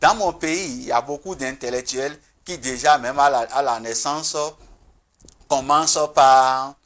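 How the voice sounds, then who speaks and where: A traditional spiritual guest on a TV talk show speaks with earnest emphasis, pausing and restarting frequently. His voice sits at medium pitch with a fairly bright tone.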